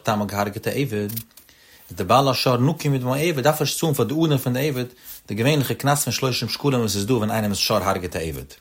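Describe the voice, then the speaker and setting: Guy teaching talmud real quick, deep-ish voice, singsong rising lines. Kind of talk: Talmud study lecture.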